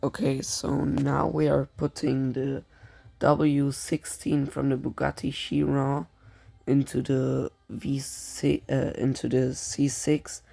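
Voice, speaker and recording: Gaming YouTuber, male, German accent, dark heavy fry, monotone delivery. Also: medium pitch. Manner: halting, frequent fillers and restarts. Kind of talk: casual game commentary.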